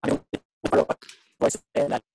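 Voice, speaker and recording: A man's voice: brisk, background noise. A man who is a podcast guest, talking casually over an online call, his voice turned garbled and robotic by a breaking internet connection. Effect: garbled robotic-sounding voice from a breaking internet connection. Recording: distant, glitchy online call audio.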